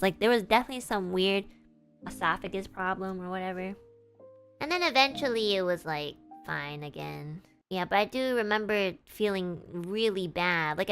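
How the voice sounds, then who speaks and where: A woman's voice: medium pitch, fairly bright tone. A woman streamer telling a story in a casual, meandering way, full of filler words. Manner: meandering, filler-heavy recollection.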